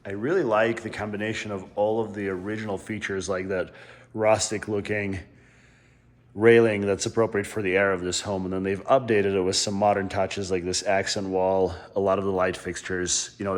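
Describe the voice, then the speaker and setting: A man with a slight lisp from a dental retainer, giving an easygoing, rambling walkthrough of a house while filming on a gimbal. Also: deep voice. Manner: easygoing, rambling, self-correcting. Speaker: real estate home tour guide. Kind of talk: casual walkthrough narration. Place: inside a large house. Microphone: handheld camera on a gimbal.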